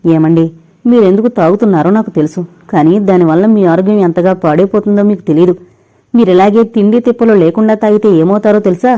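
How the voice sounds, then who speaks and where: A woman's voice: medium pitch, fast, dark tone, highs cut off, close to an everyday voice. A woman voicing a grieving young married woman who tearfully pleads with the man she still loves. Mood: tearful pleading. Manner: tearful, imploring.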